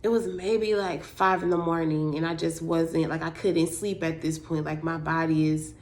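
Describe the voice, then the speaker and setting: A woman's voice: low-pitched, little pitch movement, moderate pace, a little mellow. Young woman vlogger, casual storytelling, loose and chatty, filler-heavy. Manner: chatty, many fillers like "like" and "you know".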